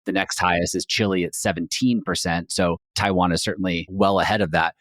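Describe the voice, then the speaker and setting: A male podcast host with a very low voice asks measured, probing questions. The sound is dry and close, with no room around it. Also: steady tone, a bit bright, no room sound. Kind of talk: interviewing a guest.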